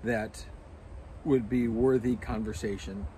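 A man's voice: fairly low pitch, steady tone, slow, warm tone. A man co-hosting a podcast, chatting casually and explaining things in a storytelling way, recorded outdoors in a backyard. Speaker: podcast co-host. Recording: outdoor recording with clear background noise.

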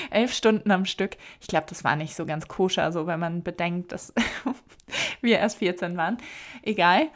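A middle-aged German woman hosting a solo podcast, talking in an emphatic, direct way. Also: medium pitch. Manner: emphatic, direct, acts out quoted voices. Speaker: podcast host, copywriter.

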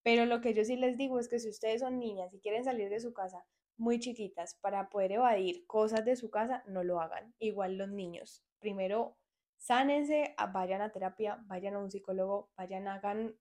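A woman in her twenties talks on her own podcast in an earnest, frank way, giving listeners advice. Her voice sits at an ordinary middle pitch. She talks in a plain, conversational way. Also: steady tone, normal speed, a little mellow. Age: 20s. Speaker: podcast host. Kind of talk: solo podcast monologue.

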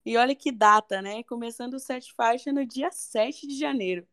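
A woman's voice: a little high, normal speed, fairly bright tone. A woman with a Brazilian Portuguese accent commenting on a sports podcast, cheerful and friendly. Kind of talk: casual sports podcast chat.

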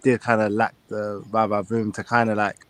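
A man with a London accent speaks in a fairly low voice. His casual fan talk is slangy and loose, full of "like". The recording is dry, with hardly any room. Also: flat delivery, moderate pace, clean tone, no room sound. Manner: slangy, filler-heavy with frequent "like". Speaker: football fan panellist. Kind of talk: casual chat.

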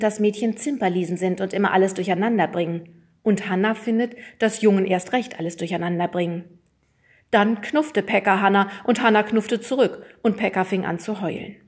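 A woman reading a children's storybook aloud, narrating lively and putting on voices for the characters. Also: medium pitch. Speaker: audiobook reader.

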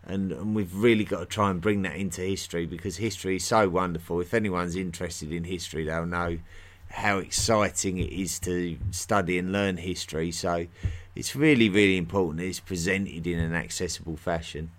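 A man's voice: deep voice, steady tone, fairly quick. A man with a London-area English accent hosting a history podcast, chatting in a friendly way with many ums and restarts. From England, near London. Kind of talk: solo podcast talk.

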